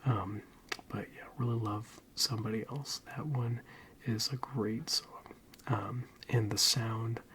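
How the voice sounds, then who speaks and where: A man speaks in a soft, breathy half-whisper at a middling pitch, like a soothing ASMR creator. He rambles gently and hesitantly. There is light ambient noise behind the voice. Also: fairly even intonation, measured pace.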